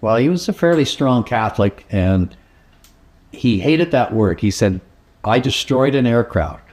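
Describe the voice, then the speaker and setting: A man calmly retelling a veteran's story as a documentary narrator. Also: mid-range voice, measured pace.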